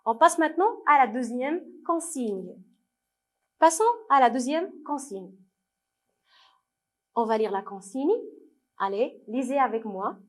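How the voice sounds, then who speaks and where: A woman teaching young children in a televised distance-learning lesson, her voice sitting a little high. She speaks slowly and patiently, stretching words out syllable by syllable. She asks the pupils questions and praises their answers. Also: fairly bright tone. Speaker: primary school French teacher.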